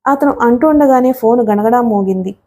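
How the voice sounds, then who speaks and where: Mellow-voiced woman reading a novel. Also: fairly high pitch, normal speed. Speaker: audiobook narrator. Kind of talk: scripted narration of a novel.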